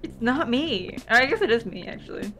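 A woman co-hosting a live game stream, teasing her partner and telling corny jokes in a dry, deadpan way. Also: a little high, fairly quick, faint music behind. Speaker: guest co-streamer. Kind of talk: casual live-stream banter.

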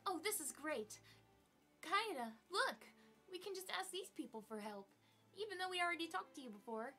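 A woman voicing an eager, naive young traveller in a fantasy game, excitable and easily flustered. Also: very high-pitched, normal speed, faint music behind, pitched above the performer's own voice, exaggerated voice. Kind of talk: hobby voice-over of video game dialogue.

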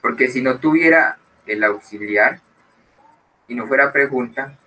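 A man teaching an English grammar lesson, explaining slowly and often checking with "¿cierto?". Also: mid-range voice, pushed and bright, recorded from a distance, slight background noise, rough recording. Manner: explains slowly, mixes Spanish and English, keeps asking "¿cierto?". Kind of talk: recorded online grammar lesson.

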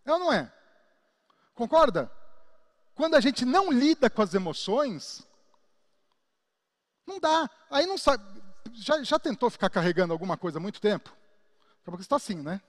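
A man with a Brazilian Portuguese accent teaching a class, animated, acting out examples and asking his listeners questions. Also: extremely high pitch, normal speed, long pauses, big-room sound. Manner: animated, acts out examples and asks the audience questions. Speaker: instructor. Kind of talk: lecture to a class.

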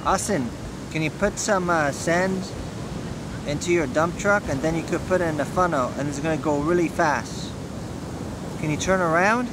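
Wind and waves are heard as a man with a fairly high voice films a small child at play on a sandy lakeshore beach using a handheld phone camera. Speaking casually at a moderate pace, he coaches the toddler by patiently repeating simple instructions.

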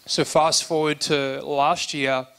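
A man preaching in an easy, chatty sermon voice, bright and crisp in tone. He tells his story with little rise and fall in pitch, acting out the lines he quotes. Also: little pitch movement, slow. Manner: conversational, acts out quoted dialogue, frequent restarts. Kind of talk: sermon testimony.

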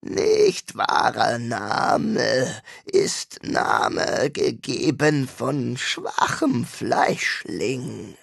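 A man voicing a ravenous demon inside a corpse, speaking in a scratchy, halting, broken way. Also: medium pitch, wildly swooping pitch, vocal fry, fairly bright tone, breathy edge, no echo, clean studio sound, full character voice. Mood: hungry hissing. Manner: very slow, hissing, fragmentary.

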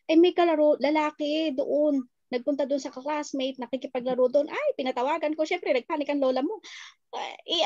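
A woman, a mother telling a lively family story in casual chat. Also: high-pitched, dry recording, lo-fi sound. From Philippines. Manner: animated storytelling, quoting family.

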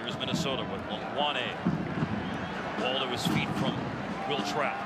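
A man doing live soccer play-by-play in measured, clipped phrases as the play builds. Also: medium pitch, fairly even intonation. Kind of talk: live match commentary. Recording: loud stadium noise behind.

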